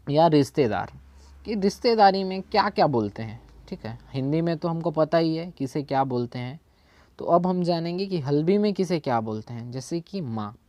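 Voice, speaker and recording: A man's voice: fairly high pitch, darkish tone, no room sound, muffled recording. Guy w chhattisgarhi hindi accent teaching words, keeps saying ok, dry mic. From India. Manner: repeats and checks with "thik hai", corrects own slips. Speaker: language teacher. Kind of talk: casual spoken lesson.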